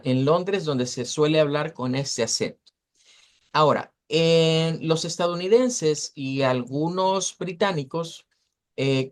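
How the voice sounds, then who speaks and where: Spanish-speaking man teaching English sounds. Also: on the high side. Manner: explanatory, repeats words slowly with many fillers. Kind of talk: online class lesson.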